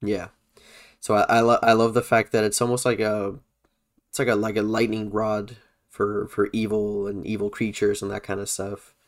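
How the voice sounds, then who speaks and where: A man co-hosting a podcast in casual chat, animated and laughing as he reads bullet points aloud. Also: on the low side, moderate pace. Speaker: podcast co-host. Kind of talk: casual chat about a theme park event.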